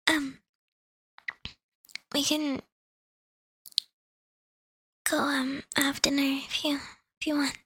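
A woman playing an affectionate girlfriend, talking softly and often in a whisper, hesitant and giggly with many fillers. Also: sits high, flat delivery, very slow, pauses often, no room sound, full character voice. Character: affectionate girlfriend welcoming partner home. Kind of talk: audio roleplay.

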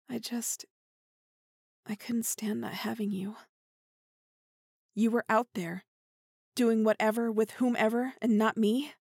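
A woman's voice: medium pitch, creaky, husky, dry recording, clean studio sound. A woman playing an obsessive, whispery girlfriend. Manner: soft, intimate, often whispering. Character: obsessive possessive young woman, clingy, remorseful kidnapper girlfriend. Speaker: voice actor in audio roleplay. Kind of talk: intimate listener-roleplay audio drama.

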